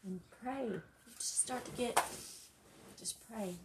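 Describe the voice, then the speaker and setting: A woman, a mother talking with her son in a casual heart-to-heart chat, gentle, earnest and encouraging, speaking of faith. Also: a little high, takes it slowly, heavy background noise.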